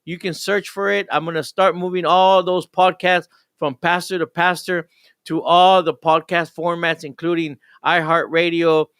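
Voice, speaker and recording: Older man hosting a radio show, crisp and dry. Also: a little high, flat delivery, normal speed, fairly bright tone, no echo. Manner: enthusiastic, rambling with frequent restarts. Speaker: radio show host and pastor. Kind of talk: casual live radio show talk.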